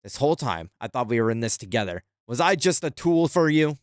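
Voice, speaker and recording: A man voicing a sharp-tongued young woman alchemist in a video game, reading her lines in a dry, mocking way. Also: medium pitch, sing-song, fairly quick, dry recording, close to an everyday voice. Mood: hurt.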